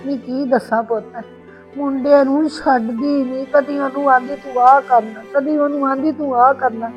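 A woman's voice: sits high, fairly even intonation, normal speed, close to an everyday voice. A woman playing a middle-aged Punjabi aunty, an aggrieved, plaintive mother-in-law in an amateur family drama. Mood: aggrieved complaining. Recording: dull lo-fi sound with background music.

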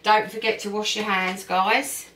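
A woman's voice: medium pitch, flat delivery, a little slow, noisy background. Chatty woman showing a recipe in her kitchen, filmed on a phone, pots and cutlery clinking behind. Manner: chatty, encouraging, talks to viewers as "guys". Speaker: support worker. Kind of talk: home cooking demonstration. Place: home kitchen, indoors. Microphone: phone camera on the counter. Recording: home phone recording with kitchen clatter.

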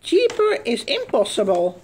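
A woman talks to her pet birds in a playful, coaxing manner. Her voice sits high and swoops widely up and down, rising to squeals when she praises them. She speaks slowly and sweetly, as if to small animals. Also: wildly swooping pitch, darkish tone, husky. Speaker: pet bird owner filming her birds.

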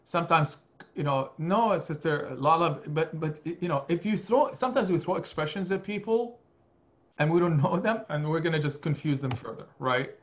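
A man in his forties guides an online study session from his home office, speaking earnestly and gently while weaving in Arabic religious phrases. His voice sits on the high side for a man. The webcam audio comes through dull and muffled. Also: lively intonation, normal speed. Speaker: imam teaching a study circle. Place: home study with lamp and bookshelf. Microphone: video call webcam.

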